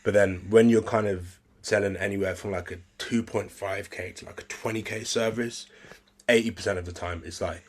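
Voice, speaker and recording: A man's voice: fairly low pitch, fairly even intonation, moderate pace. A man who is a podcast guest, talking loosely with lots of "like" and "bro". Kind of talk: casual podcast chat.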